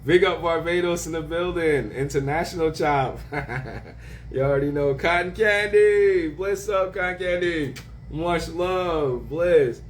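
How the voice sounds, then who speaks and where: A man hosting a casual livestream, greeting viewers by name with slang shout-outs and laughing often. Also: on the high side, slight background noise. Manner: laughs often, drawn-out words. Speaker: livestream host.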